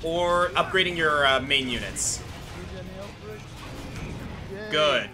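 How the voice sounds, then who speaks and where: A man chatting casually as he guides someone through a video game, giving halting step-by-step directions, with game music behind him. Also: a little high, animated. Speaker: co-commentator guiding the player. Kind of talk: casual let's play chat. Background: video game music and battle audio.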